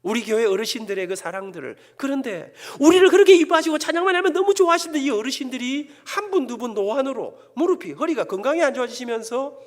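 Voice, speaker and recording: High, animated Gyeongsang Korean preacher. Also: male voice, fast, hardly any pauses. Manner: emotional, dramatic storytelling with acted prayers. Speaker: church elder preaching. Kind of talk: sermon with personal testimony. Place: church sanctuary. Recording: long church hall reverb.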